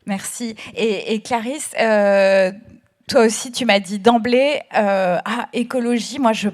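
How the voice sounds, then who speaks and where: A woman's voice: a little high, slow. Informal woman moderating a panel. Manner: friendly, informal, hesitant.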